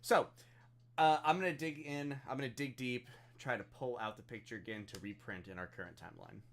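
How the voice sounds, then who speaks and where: A man with a mid-range voice plays a tabletop game, bantering casually and comically in character. He often thinks aloud in halting phrases.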